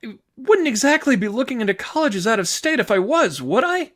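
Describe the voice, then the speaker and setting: In a fan fiction audiobook, a man voices an exasperated, hurt, incredulous teenage girl, pushing his pitch well above a normal male range with big swings and a slightly bright, exaggerated sound. She's wounded and bitter, emphatic and sarcastic, faltering when upset.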